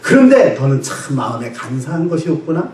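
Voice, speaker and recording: Preacher doing gentle kind teacher voice, roomy echo. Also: male voice, mid-range voice, very animated, brisk, lightly acted. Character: gentle kindly male teacher of old. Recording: echoey church sanctuary, distant mic.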